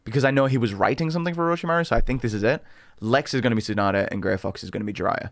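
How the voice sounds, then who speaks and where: A man hosting a music reaction, chatting in a loose, excitable way and tripping over his words as the thoughts pile up. His voice sits in an ordinary middle pitch. The sound is dry and close, with no room echo. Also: rapid-fire. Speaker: reaction channel host. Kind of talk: casual music reaction commentary.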